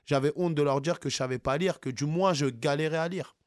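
A man's voice: on the high side, brisk, no room sound. Hesitant French man, dry sound. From France. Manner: hesitant, many fillers and restarts. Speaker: interview guest, author. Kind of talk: casual interview talk.

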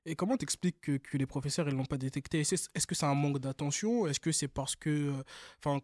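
A man's voice: a little high, a little fast, a little mellow, dry recording, clean studio sound. A man interviewing a guest, asking direct informal questions.

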